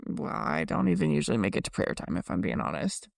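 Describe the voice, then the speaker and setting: Gravelly candid podcast co-host. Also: mid-range voice, huge pitch swings, fast, no echo, studio quality. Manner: candid, self-deprecating. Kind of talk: casual faith chat.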